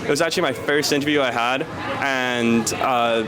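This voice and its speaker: A man, telling his story in a relaxed, easygoing way. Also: mid-range voice, normal speed, background noise. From Texas. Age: 20s. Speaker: new English teacher. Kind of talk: casual interview answers. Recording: busy crowd chatter behind.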